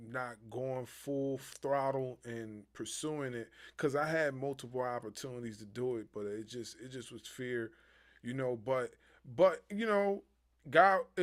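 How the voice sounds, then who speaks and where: A man hosting a wrestling podcast, chatting casually and animatedly with lots of fillers. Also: mid-range voice. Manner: animated, rambling with many fillers. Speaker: podcast host. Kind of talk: casual interview chat.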